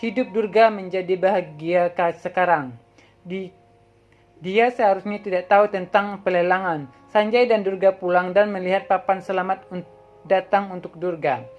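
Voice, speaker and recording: A woman reading a drama plot synopsis aloud as a channel host, in a plain even way that sometimes stumbles and restarts words. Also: on the low side, normal speed. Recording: dull lo-fi audio with faint background music.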